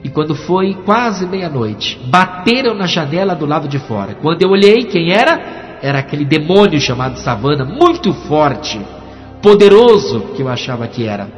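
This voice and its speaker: A man's voice: fairly high pitch, sing-song, normal speed, faint music behind. A pastor giving a dramatic testimony sermon, acting out the voices in his story. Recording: dull recording with long hall reverb.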